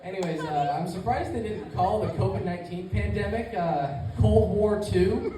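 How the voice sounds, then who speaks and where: A young man with a high voice performs amateur stand-up at normal speed before a small live audience, his delivery hesitant and rambling. He is picked up from far off in an echoey room, with clear background noise.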